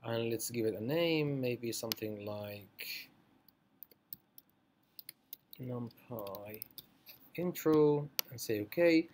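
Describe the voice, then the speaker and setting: A man's voice: mid-range voice, slow pace, darkish tone, slight background noise. A man teaching a programming tutorial over a screencast, talking it through with many fillers and self-corrections. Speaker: programming instructor.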